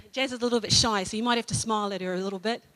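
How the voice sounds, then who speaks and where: A woman's voice: on the high side, quick pace, a bit bright. Chatty New Zealand woman giving a sermon. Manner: storytelling, chatty with fillers and self-corrections. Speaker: church speaker. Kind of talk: informal sermon talk. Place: church hall.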